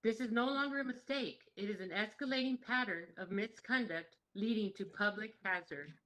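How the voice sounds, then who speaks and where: A woman's voice: mid-range voice, normal speed, a bit bright, rough recording. Firm woman reading a prepared statement. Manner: firm and earnest. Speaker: public commenter. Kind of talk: prepared public statement read aloud. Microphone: remote call.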